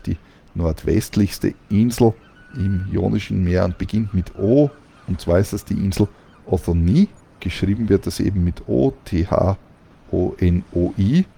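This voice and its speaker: Low gravelly man explaining pronunciation. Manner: calm, explanatory, with frequent fillers. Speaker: language teacher.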